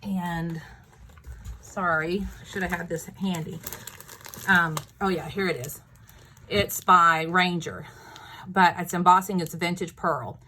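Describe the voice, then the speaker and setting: Texas lady rambling about her craft projects, lowish voice, bright and forceful. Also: takes it slowly, pauses often, a little hiss or hum. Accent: Texan. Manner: chatty, rambling, many fillers and restarts. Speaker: craft vlogger. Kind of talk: casual crafting show-and-tell.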